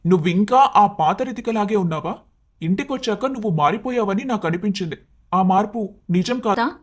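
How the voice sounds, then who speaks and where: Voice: medium pitch, expressive, moderate pace, natural voice. A performer voicing an earnest, hot-tempered young husband in a cartoon story, talking in a pleading, emotional way. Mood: frustrated. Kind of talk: Telugu storybook cartoon dialogue.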